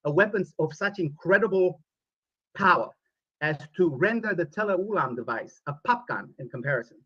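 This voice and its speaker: A man from Romania, speaking in a formal, deliberate way as a podcast guest. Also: high-pitched, expressive, bright, forceful tone, breathy edge, dry recording, dull audio. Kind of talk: podcast interview played back.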